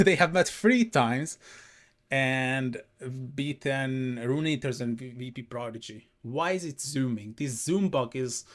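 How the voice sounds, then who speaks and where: Chatty male esports caster. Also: mid-range voice. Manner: chatty, self-correcting, talks straight to viewers. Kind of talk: live game commentary.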